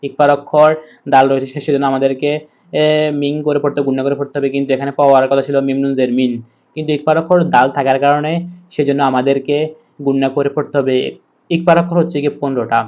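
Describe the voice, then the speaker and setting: A man leads a recitation lesson, breaking each word into syllables before chanting the verses slowly. His speaking voice stays level and even. The recording sounds a bit muffled and lo-fi. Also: medium pitch. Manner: spells syllables letter by letter, patient instruction. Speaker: Quran reading teacher.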